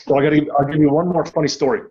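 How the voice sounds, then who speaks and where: A man's voice: fairly high pitch, rapid-fire, dull audio. A middle-aged man, a former college basketball player and author, telling stories as a guest in an interview, with frequent restarts. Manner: animated anecdotes with many restarts. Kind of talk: storytelling interview talk.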